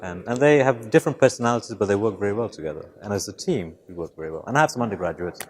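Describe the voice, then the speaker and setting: A biology professor and lab head, born in Malaysia and raised in the UK, answers interview questions thoughtfully in a fairly low, animated voice at a very fast pace. He uses many fillers and restarts, and there's slight background noise.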